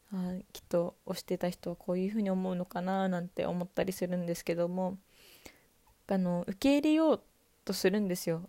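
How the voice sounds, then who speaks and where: A young woman, a university student, talking on her own in a calm, casual monologue and speaking straight to her listeners. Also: on the low side. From Kanto, Japan. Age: young adult. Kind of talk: solo chatty monologue.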